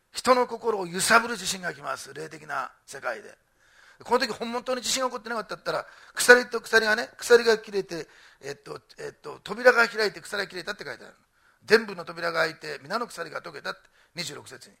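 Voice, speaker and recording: A man preaching a sermon, animated, swinging from loud emphatic repetition to soft asides. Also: high-pitched, creaky, breathy edge. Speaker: pastor.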